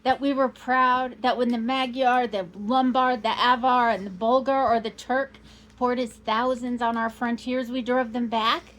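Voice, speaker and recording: A woman reading aloud as a proud, boastful old male count, declaiming grandly and rising to loud outbursts. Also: a little high, fairly even intonation, measured pace, low-quality recording. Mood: fiery.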